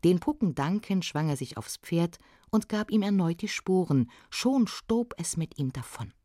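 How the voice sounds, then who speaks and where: A woman reading a folk legend aloud in an expressive storytelling voice. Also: fairly low pitch, a little slow, no echo, studio quality. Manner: expressive, shifts voice for the characters.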